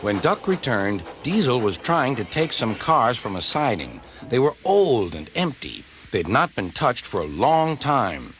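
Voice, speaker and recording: A man narrating a children's train story in a measured, expressive reading. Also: medium pitch, noisy background. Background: music.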